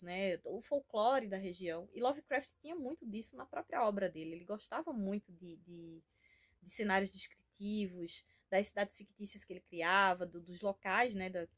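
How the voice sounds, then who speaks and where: A Brazilian woman with a Brazilian Portuguese accent hosts a homemade reading vlog from her house. She talks in a relaxed, eager, rambling way, often checking in with little tag questions. Her voice sits at an ordinary middle pitch for a woman. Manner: chatty and enthusiastic, rambling with frequent tag questions. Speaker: book vlogger. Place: at home.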